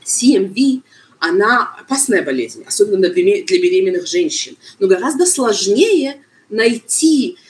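Halting woman explaining. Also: mid-range voice, big pitch swings, low-quality recording. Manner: halting, searches for words, mixes in foreign terms. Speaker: medical expert guest being interviewed. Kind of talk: explanatory interview talk.

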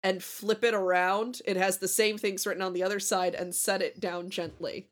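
A woman's voice: medium pitch, little pitch movement, normal speed. Woman game master with mid-range voice. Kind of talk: casual tabletop game narration and banter.

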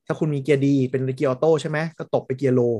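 A man chatting casually on a podcast, rambling through his points with loose fillers and frequent laughs. His voice sits at an ordinary pitch and sounds close and dry, with no room around it. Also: steady tone, rapid-fire, mellow, no echo. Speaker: podcast co-host. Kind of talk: casual chat.

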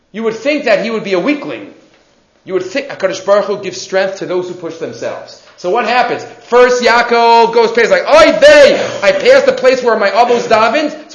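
A man with giving an animated religious lesson as a rabbi, emphatic, repeating phrases and answering his own questions. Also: very high voice. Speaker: rabbi teaching a Torah class. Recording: echoey room, dull muffled sound.

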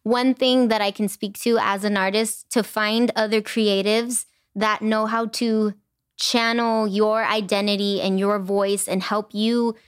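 A woman's voice: medium pitch, clear, resonant tone, no echo. Gushing woman podcast host, dry sound. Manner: gushing, animated, switches into Spanish phrases. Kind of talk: casual chat.

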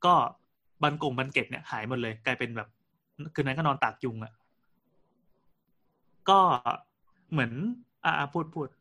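A man's voice: mid-range voice, normal speed, pauses often, pushed and bright. A man co-hosting a podcast, telling a story in casual chat with frequent restarts and fillers. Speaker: podcast co-host.

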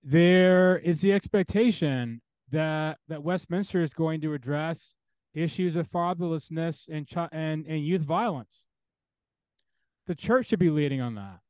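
A man's voice: a little high, measured pace, darkish tone, smooth, no echo. A man speaking as an interview guest and theologian, talking earnestly and building his points through repeated parallel phrases.

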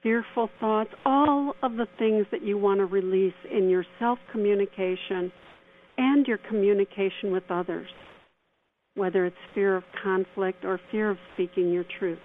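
A woman's voice: medium pitch, steady tone. Tinny-sounding woman guiding a soothing meditation. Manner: soothing, slow, gentle delivery. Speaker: radio host and spiritual counselor. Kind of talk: guided meditation. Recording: tinny phone-like band, faint noise.

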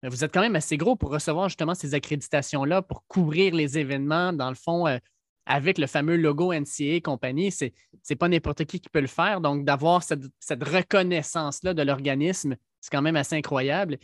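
Man, Québécois accent, podcast host, slightly high pitch, hesitant, dry close sound. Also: a little fast, no echo. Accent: Québécois French. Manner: hesitant, many fillers. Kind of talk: casual podcast interview.

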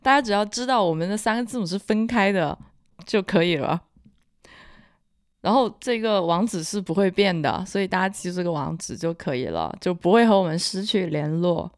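A woman's voice: medium pitch, animated, fairly quick, dry recording, studio quality. A woman from Hunan with a Hunan accent that blurs L and N, co-hosting a casual podcast chat. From Hunan, China. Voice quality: mixes up L and N sounds. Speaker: podcast co-host.

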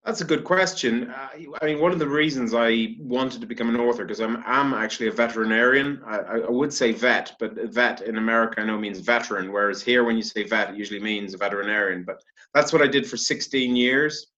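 A middle-aged Irish man talks freely as a guest, his tone bright and forward. He often stops to fix his own phrasing and laughs easily. His video call audio comes through dull and lo-fi. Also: medium pitch, brisk. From Ireland. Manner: chatty, self-correcting, laughs easily. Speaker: guest, author. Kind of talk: casual interview chat.

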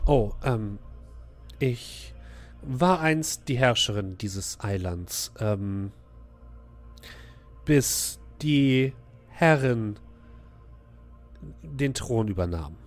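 A man's voice: medium pitch, animated, very slow, pauses often, faint music behind. A man voicing a frightened, weary elderly woman who speaks hesitantly in a trembling, pleading voice in a tabletop game. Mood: fearful, guarded. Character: frightened, weary elderly woman, deposed ruler turned servant.

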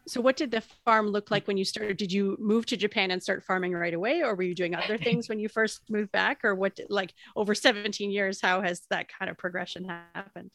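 A woman's voice: medium pitch, fairly even intonation, a little fast, few pauses, a bit bright, no room sound. Curious woman co-host, dry sound. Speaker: podcast co-host. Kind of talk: casual interview chat.

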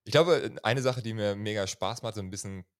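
Man, thirties, very low voice, dry close sound, relaxed chatty guest. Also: brisk, no room sound. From Germany. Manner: relaxed, loose, peppers speech with "ja". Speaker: podcast guest, chiropractor. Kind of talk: casual interview talk.

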